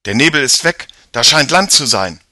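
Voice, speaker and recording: A man's voice: medium pitch, lively intonation, moderate pace, pushed and bright, no echo, studio quality, voice pushed up. A man voicing Jakob, a curious, determined young boy who explains things and urges action. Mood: urgent. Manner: explaining, urging.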